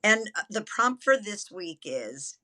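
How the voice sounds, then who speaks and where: A woman's voice: medium pitch, big pitch swings, slow pace, bright, forceful tone. A seventy-year-old woman talking as a guest in a podcast interview, chatty and enthusiastic. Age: 70s. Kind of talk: casual interview chat.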